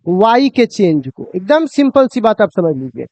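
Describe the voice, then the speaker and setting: A man's voice: high voice, very animated, normal speed, a little mellow, no echo. A man teaching physics to students, asking questions and answering them himself. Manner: addresses students fondly, asks and answers his own questions. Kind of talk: classroom lecture to students.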